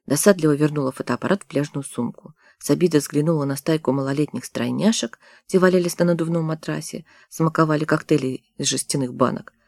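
An audiobook narrator reading a novel in a steady storytelling manner on a close studio mic. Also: mid-range voice, brisk, vocal fry, few pauses, no echo. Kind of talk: scripted narration.

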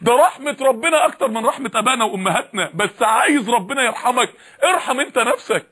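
A man's voice: very high voice, lively intonation, fast, pushed and bright, husky. A man with an Egyptian accent preaching a sermon, fiery and full of repeated rhetorical questions.

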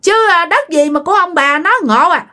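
Scornful neighbor, high and defiant, played by a woman narrator. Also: a little fast, sharp tone. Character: brash stubborn land-grabbing neighbor.

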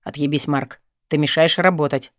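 A man voicing a sullen, weary young man who answers bluntly and flatly. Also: on the high side, moderate pace, dry recording, studio quality, natural voice. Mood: weary, curt. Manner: flat, terse, irritated.

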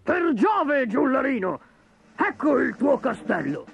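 A woman's voice: medium pitch, big pitch swings, unhurried, creaky. A woman voicing a hearty, bumbling male pilot in a storybook, jolly and old-fashioned in manner. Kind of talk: storybook character voice. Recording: noisy lo-fi audiobook recording.

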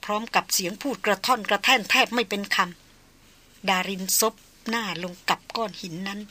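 Bright-voiced woman narrating a novel. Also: mid-range voice, steady tone, normal speed. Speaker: audiobook narrator.

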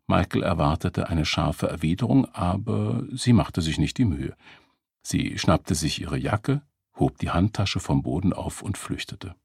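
A man narrates a thriller audiobook in a measured, expressive storytelling manner. His voice is low and gravelly with a husky grain. It sounds dry and close, with no room around it. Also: no echo. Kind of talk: scripted narration.

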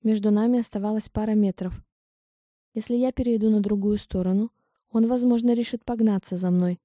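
Woman, audiobook narrator, first-person story, steady delivery, mellow, dry studio sound. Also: mid-range voice, fairly quick, no echo.

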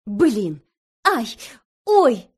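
A woman's voice: sits low, expressive, measured pace, a little mellow. A woman reading aloud, voicing a nervous young man who fusses and complains. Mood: whiny. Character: nervous, whiny young fiancé, clumsy and fussing.

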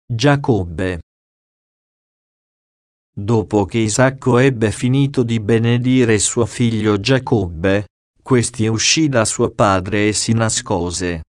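A man reading scripture aloud in a slow, solemn, measured way. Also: fairly low pitch, no room sound, clean studio sound. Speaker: audiobook reader.

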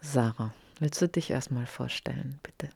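A woman hosting a radio interview, asking questions in a calm, gentle way. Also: very deep voice, normal speed, vocal fry, breathy edge, no room sound.

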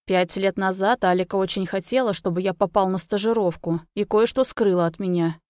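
A woman voicing an agitated young man confronting his parents in a loud, accusing manner, in a read-aloud story. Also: mid-range voice, fairly even intonation, a little fast, no room sound, studio quality, close to an everyday voice. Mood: tense. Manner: heated, accusing, often shouting.

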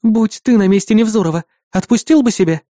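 A man's voice: high-pitched, fairly quick, dark tone, dry recording, studio quality, voice pushed up, lightly acted. A man doing a sly, teasing young woman. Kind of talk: audiobook character voice.

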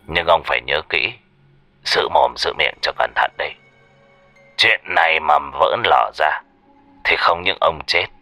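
A man voicing a gruff middle-aged company director who gives brusque, commanding warnings. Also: extremely low pitch, pushed and bright, voice pushed down, heavily acted.

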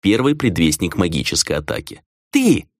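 A man narrating an audiobook in a steady storytelling read. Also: low-pitched, fairly quick, dry recording, clean studio sound. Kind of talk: scripted narration.

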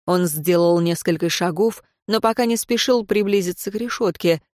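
A woman narrating a fantasy novel in a measured, even reading. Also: lowish voice, no room sound, studio quality. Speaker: audiobook reader. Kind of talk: scripted narration.

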